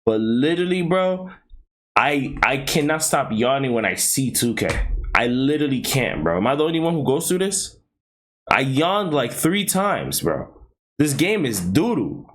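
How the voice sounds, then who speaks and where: A man's voice: medium pitch, big pitch swings, normal speed. A man streaming his blunt, slangy reaction to a video, in casual commentary that trails off at times.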